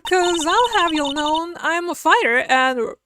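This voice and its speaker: A woman's voice: extremely high pitch, expressive, unhurried, background noise, pitched above the performer's own voice. A woman voicing a brash, hot-tempered young country photographer from a video game, with a put-on Southern US drawl. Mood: brash, feisty. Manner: folksy, scolding drawl.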